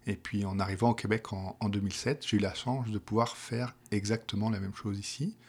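He's a middle-aged Frenchman with a Parisian accent who works as a project manager for a provincial health plan. In this interview about his work he talks briskly in a lowish, slightly rough voice with a steady tone, though he hesitates and restarts a lot.

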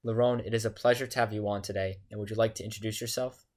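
A man with a fairly low voice hosts an interview podcast. He reads his introductions and questions in a prepared, scripted way. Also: fairly even intonation, rapid-fire, darkish tone. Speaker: podcast host.

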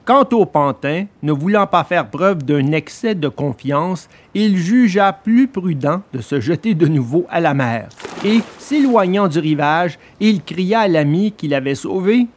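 Slow, expressive male storyteller. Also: fairly high pitch. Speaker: storybook narrator. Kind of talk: scripted storybook narration.

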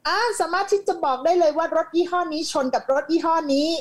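High-voiced woman explaining with many fillers. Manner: explains through examples, frequent drawn-out filler sounds, repeats key phrases. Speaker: guest explaining business technology. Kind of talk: casual explanatory talk-show chat.

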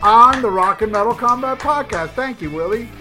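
An American man hosts a podcast in an extremely high, pushed, bright voice, talking at normal speed and very expressively. He tells rambling, crude stories in casual chat, swearing freely and laughing often, with soft music playing in the background. He's recorded through a headphone mic.

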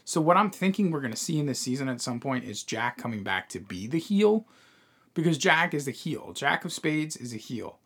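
A man's voice: mid-range voice, sing-song, moderate pace, a bit bright, breathy edge. A man co-hosting a podcast, explaining at length in casual chat and swearing now and then. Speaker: podcast co-host.

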